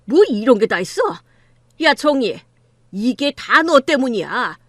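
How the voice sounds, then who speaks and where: A woman's voice: on the high side, lively intonation, a little slow, no room sound, studio quality. A woman voicing an arrogant, crude middle-aged man who runs a law firm, in an audiobook drama reading, talking in a sneering, bullying way.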